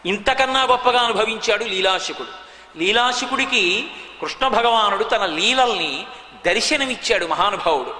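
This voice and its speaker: A man giving an animated devotional sermon, recounting stories emphatically, heard in an echoey hall. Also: high-pitched, moderate pace. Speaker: spiritual discourse speaker. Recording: echoey hall, long reverb.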